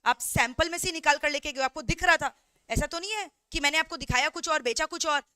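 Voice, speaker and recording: A woman's voice: high voice, fast, bright, forceful tone, dry recording, studio quality. A woman voicing a stubborn male market shopkeeper who dismissively refuses any exchange. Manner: dismissive, scolding.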